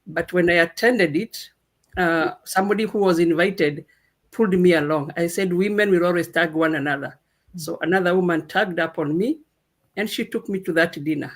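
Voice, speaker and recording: A woman from Kenya speaking on a radio panel, telling her story slowly with many hesitations. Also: on the low side. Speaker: guest speaker. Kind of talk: casual panel talk.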